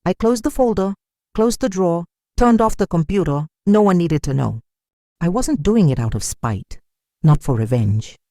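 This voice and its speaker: Sombre older woman storyteller, mellow voice. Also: on the low side, lively intonation, no room sound, studio quality. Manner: sombre, measured, wounded. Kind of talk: scripted first-person narration.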